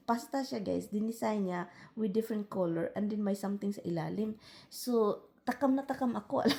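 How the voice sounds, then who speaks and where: Filipino lady vlogging, gravelly mellow voice, keeps saying guys. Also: fairly high pitch. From Philippines. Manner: chatty, addresses viewers as guys, mixes in English; laughs while telling a story. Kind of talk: casual chat to viewers.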